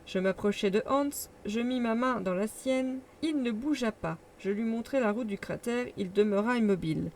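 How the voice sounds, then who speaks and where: A woman's voice: fairly high pitch, normal speed, few pauses, darkish tone, a little hiss or hum. Woman reading a novel aloud. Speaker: audiobook reader. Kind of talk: literary audiobook narration.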